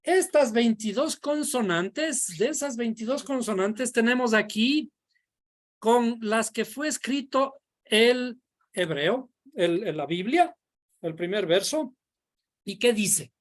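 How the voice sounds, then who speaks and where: A woman's voice: fairly high pitch, expressive. A woman teaching a Bible study class in a classroom, explaining step by step and quizzing her students. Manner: slow, deliberate, quizzing the class. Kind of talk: classroom lecture. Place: classroom, indoors.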